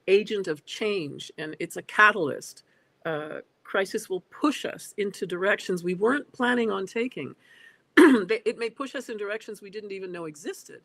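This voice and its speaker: A woman in her sixties speaks as an interview guest over a video call. She talks thoughtfully and keeps pausing on small hesitant fillers. Her voice sits at an ordinary pitch for a woman. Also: a bit bright. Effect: heard over a video call. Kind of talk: reflective interview talk. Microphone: computer on a video call.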